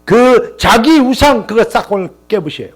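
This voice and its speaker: A man's voice: very high voice, expressive, moderate pace, faint music behind. A male pastor preaching a sermon with impassioned, rising emphatic lists and calls of hallelujah.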